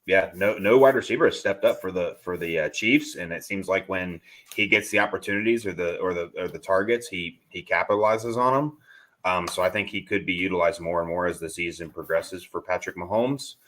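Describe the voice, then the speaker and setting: Deep, bright-toned man thinking aloud. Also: a little fast. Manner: rambling, with repeated restarts and um's. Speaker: podcast co-host. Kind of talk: casual live Q&A chat.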